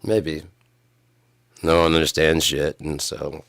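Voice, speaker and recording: A vlogger with a very deep, raggedy voice worn down by smoking and screaming tells a rambling, profane story in a casual monologue, laughing often. He speaks slowly, with little pitch movement and a fairly bright tone.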